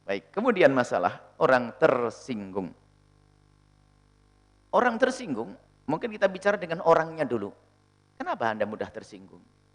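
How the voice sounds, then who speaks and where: A male preacher answering questions in a sermon, animated and often acting out the people he quotes. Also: mid-range voice, normal speed, long pauses. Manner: animated, acts out quoted speakers.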